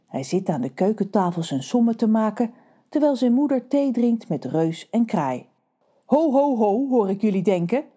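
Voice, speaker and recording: A woman's voice: medium pitch, big pitch swings, normal speed, dark tone. A woman narrating a children's audio story playfully, talking directly to her listeners.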